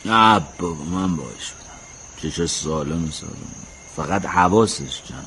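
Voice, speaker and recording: Brief: lower-voiced grown son, warm teasing. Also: male voice, animated, a little hiss or hum, heavily acted. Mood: fond. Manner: chuckling, teasing. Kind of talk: radio drama acting.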